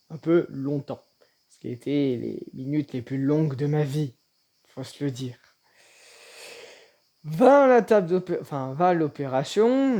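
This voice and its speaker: A man telling a personal story in a casual vlog, in a halting way with frequent restarts. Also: mid-range voice, mellow. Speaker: vlogger.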